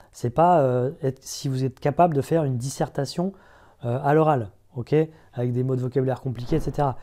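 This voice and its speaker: Mellow-voiced chatty male recruiter. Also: medium pitch. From France. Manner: chatty and direct, addresses viewers with frequent "ok?". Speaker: recruiter giving job interview advice. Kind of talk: casual advice video.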